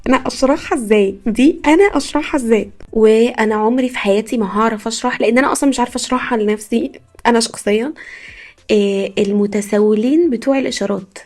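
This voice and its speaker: A young woman from Egypt with an Egyptian Arabic accent, hosting a podcast as a casual comic monologue, telling stories in an animated way with frequent laughs. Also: a little high, fast talker. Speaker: podcast host.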